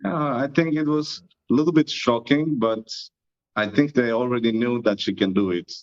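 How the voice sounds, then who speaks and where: Muffled lo-fi audio captures a man with an Estonian accent, a guest on an interview and a disc golf YouTuber. He talks at a normal speed in a medium-pitched voice, answering questions in a modest, easygoing way.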